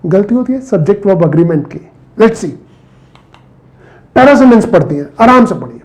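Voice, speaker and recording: A man's voice: high-pitched, expressive, normal speed, a little mellow, rough recording. A man teaching a grammar lesson and quizzing his viewers with questions as he goes. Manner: talks to viewers, quizzing them with rhetorical questions. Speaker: English teacher.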